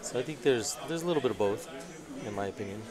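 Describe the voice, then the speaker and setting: A man's voice: lowish voice, lively intonation, fast, crowd noise. A man co-commentating a card game match in a casual way, making dry, wry remarks. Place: busy card tournament venue.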